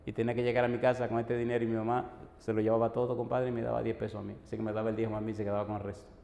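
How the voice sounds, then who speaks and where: A man's voice: lowish voice, racing, creaky. A male pastor, telling a personal story in a sermon and acting out the dialogue. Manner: animated storyteller, acts out the dialogue. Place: church hall. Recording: long echo of a church hall.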